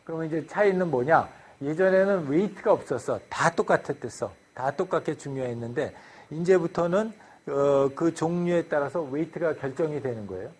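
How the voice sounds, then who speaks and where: A man's voice: fairly high pitch, expressive, normal speed, hardly any pauses, breathy edge. A man giving a university lecture, explaining a design process step by step, with frequent fillers and English loanwords.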